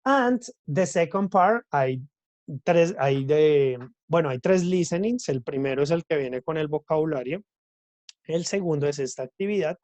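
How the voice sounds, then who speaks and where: A man's voice: on the high side, lively intonation, a little slow, a little mellow, dry recording. Man teaching English, dry sound. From Colombia. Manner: switches between Spanish and English, checks in with repeated "listo?". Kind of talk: recorded class explanation.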